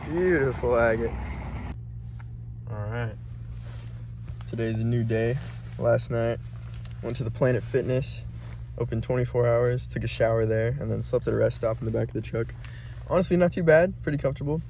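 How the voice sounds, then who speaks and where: A man's voice: mid-range voice, fairly even intonation, normal speed, vocal fry, pauses often. A man in a casual, slangy, laid-back outdoor vlog, talking as a rockhounding hobbyist. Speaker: rockhounding vlogger. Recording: loud outdoor ambience noise.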